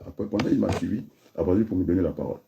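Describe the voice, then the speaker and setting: Deep-voiced rambling Congolese man. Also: lively intonation, very fast, vocal fry, dark tone. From Republic of the Congo. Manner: rambling, digressive, with many restarts and asides. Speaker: speaker. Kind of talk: freewheeling spoken address.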